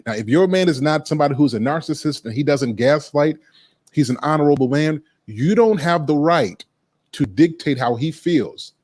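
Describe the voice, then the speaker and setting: A man's voice: a little high, animated, moderate pace, a little mellow. A man hosts a relationship advice show and speaks in a firm, preachy tone. He stutters into his points and then drives them home by repeating them. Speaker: host.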